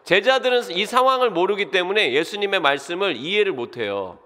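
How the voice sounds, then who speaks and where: A middle-aged man preaching a sermon as pastor, asking the congregation questions and swinging from loud exclamations to quiet asides. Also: high voice, fairly quick. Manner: animated, rhetorical questions to the congregation. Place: church sanctuary. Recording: long reverb of a church hall.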